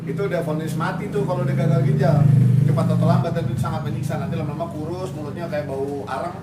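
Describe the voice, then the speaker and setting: A man's voice: a little high, fairly even intonation, quick pace, very noisy. A man, a dog behavior trainer, explaining and coaching owners in a firm, casual way, mixing in English commands. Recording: roomy, distant mic, music behind.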